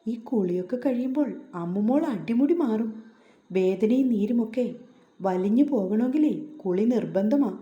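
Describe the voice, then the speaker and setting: A woman's voice: a little high, expressive, moderate pace, dark tone, lo-fi sound, close to an everyday voice. A woman voicing an older helper who explains postnatal care in a matter-of-fact way, in a roomy-sounding recording. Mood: instructive. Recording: roomy echo.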